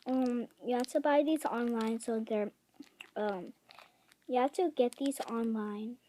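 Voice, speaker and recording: A woman with a high, softly mellow voice talks to the camera in a casual vlog while eating sour candy. She goes slowly and hesitantly, pausing often on filler words. Faint noise sits behind her. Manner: hesitant, with many pauses and ums. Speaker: amateur video blogger.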